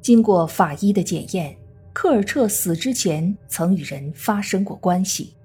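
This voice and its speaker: A woman true crime narrator reading a scripted case story in a measured storytelling manner. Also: mid-range voice, lively intonation, mellow, breathy edge. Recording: faint music under the voice. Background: faint background music.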